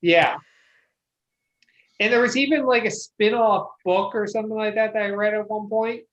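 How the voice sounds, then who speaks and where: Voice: medium pitch, steady tone, moderate pace, muffled recording. A podcast panelist in casual chat, enthusiastic and rambling, swearing freely while retelling something.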